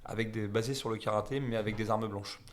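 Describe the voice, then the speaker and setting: A Frenchman in his thirties chats casually as an interview guest, rambling, putting himself down and using lots of fillers. His voice is fairly low in pitch with fairly even intonation, and he talks fast.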